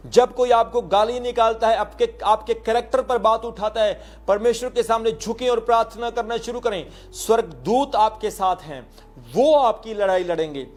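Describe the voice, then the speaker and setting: A man's voice: very high-pitched, normal speed. A male pastor preaching a sermon, telling stories and calling out hallelujahs, with English words mixed into his talk.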